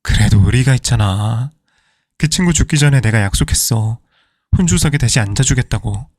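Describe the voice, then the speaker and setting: A man's voice: mid-range voice, animated, normal speed, darkish tone, no room sound, studio quality, natural voice. A man playing an evasive middle-aged husband who pleads and placates his angry wife. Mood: placating.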